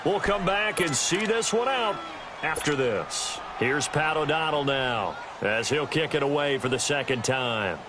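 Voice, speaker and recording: Calling an American football game as a TV play-by-play commentator, an American man sounds brisk and engaged over loud stadium noise. His voice is a little high and expressive, and his pace is a little slow.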